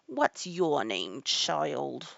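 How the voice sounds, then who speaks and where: A loud, shrill queen of a storybook card court, acted by a woman narrator. She screams her commands with imperious fury and a hard, bright edge, swooping sharply in pitch. The sound is close and slightly dulled. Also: sing-song, drawn-out words, gravelly, no room sound, dull audio, heavily acted. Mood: severe.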